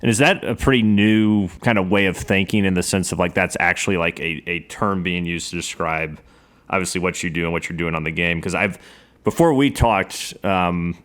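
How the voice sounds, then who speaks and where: A man with a Southern US accent hosting a podcast interview, chatty and relaxed, with frequent fillers. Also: low-pitched, moderate pace. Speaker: podcast host. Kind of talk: casual interview.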